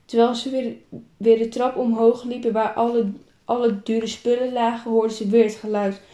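A woman's voice: on the high side, little pitch movement, moderate pace, warm tone, reverberant. A woman reading a self-written story aloud, plainly and with small repeats and restarts.

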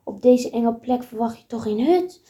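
A woman voicing a calm young girl who reassures her friend in a read-aloud story. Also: on the high side, moderate pace, natural voice. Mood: eager.

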